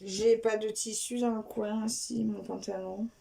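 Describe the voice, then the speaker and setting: A woman's voice: medium pitch, fairly even intonation, measured pace, creaky, dark tone. A woman chatting casually through an unboxing of craft supplies for her vlog. She wanders between topics and corrects herself as she goes. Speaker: craft vlogger.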